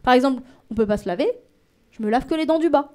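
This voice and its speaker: A woman's voice: high voice, fast talker, mellow. A woman doing stand-up at a comedy club, rambling and hesitant with self-mocking asides. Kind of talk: stand-up monologue.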